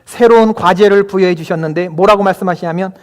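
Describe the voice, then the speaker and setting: A man's voice: high voice, fast talker. A male pastor preaching a Sunday sermon in a church, emphatic and often putting questions to the congregation. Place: church sanctuary. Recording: long hall reverb.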